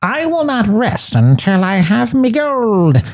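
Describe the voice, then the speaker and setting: A man's voice: high-pitched, sing-song, slow, voice pushed up, full character voice. A man voicing a vengeful, gold-obsessed leprechaun from a horror film, chanting a rhyming curse. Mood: vengeful, ominous.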